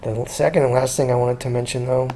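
Talking fast in a mid-range voice, a man walks through a screen recording as an SEO consultant pitching a business. He's relaxed and chatty, often saying um and restarting, over a slight hiss or hum.

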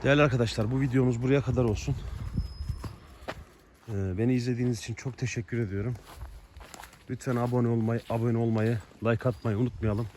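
A man's voice: mid-range voice, fairly even intonation, a little fast, pauses often, darkish tone, slight background noise. A man talking casually to his animals and his viewers on a farm, coaxing them one moment and giving firm commands the next. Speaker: farm vlogger with horses and dogs. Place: outdoors on a rural farm.

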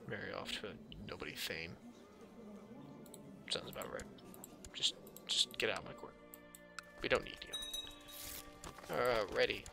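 Whispering, a gaming video host gives dry, offhand gameplay commentary, thinking out loud and pausing often. His voice is low, gravelly, slightly scratchy, and a little slow, with music beneath it.

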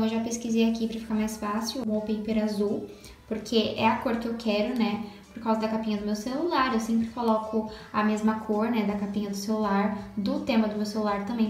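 A young Brazilian woman chatting to viewers while showing a phone tutorial, checking in with them often. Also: on the high side. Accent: Brazilian Portuguese. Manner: chatty, talks straight to viewers with lots of "tá?" and "né?". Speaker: lifestyle vlogger. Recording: echoey room with background music.

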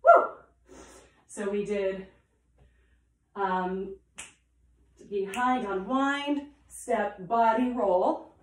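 A woman's voice: medium pitch, drawn-out words, long pauses. A woman teaching a dance combination, calling out the steps in rhythm with chatty asides, in a room at home. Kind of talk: counting through a dance combination. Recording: echoey room.

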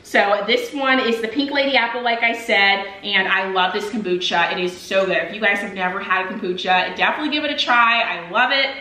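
Young female vlogger, bright upbeat chatter, casual haul talk, roomy kitchen sound. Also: mid-range voice, fairly quick, few pauses. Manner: upbeat, chatty, addresses viewers as "you guys". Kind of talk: casual haul video chat. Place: home kitchen, indoors. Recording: echoey room.

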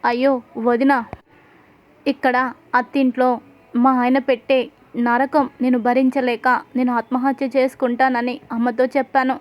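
A woman's voice: high-pitched, little pitch movement, moderate pace, pauses often, natural voice. A woman voicing a tearful young married woman who speaks in a pleading, sorrowful way. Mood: despairing.

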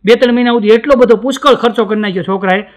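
A man's voice: very high-pitched, very fast, dull audio. A stand-up comedian from Gujarat, a man, telling jokes and acting out the people in them. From Gujarat, India. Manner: animated storytelling, acts out the people in his jokes.

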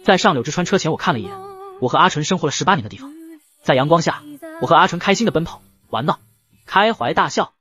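A man narrating a comic story in a brisk, lively storytelling manner. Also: a little high, soft background music. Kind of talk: fast scripted comic narration.

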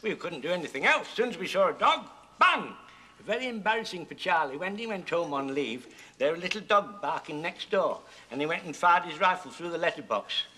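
A man's voice: fairly high pitch, animated, brisk, bright, forceful tone. An actor playing a chatty older grandfather who rambles through joking war anecdotes in a 1970s TV sitcom. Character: chatty old male war veteran grandad, cheeky storyteller. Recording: hissy 1970s TV sitcom recording.

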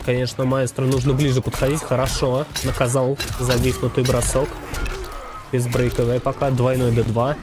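A man's voice: medium pitch, flat delivery, moderate pace. A man commentating live on a fighting game tournament as an announcer, in short, clipped play-by-play calls full of gaming jargon. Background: game music.

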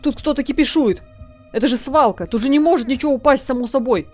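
A woman with a fairly high voice gives casual gameplay commentary. She is chatty and jokey, talking to her viewers and teasing the characters in the game. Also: fast talker, mellow, soft background music. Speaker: let's play host.

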